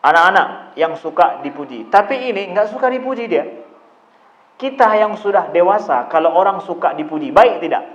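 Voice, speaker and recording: A man's voice: high-pitched, animated, moderate pace, echoey room, muffled recording. A man giving a religious lecture on parenting, talking in a repetitive, conversational way and asking his listeners rhetorical questions. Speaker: Islamic preacher answering parents' questions.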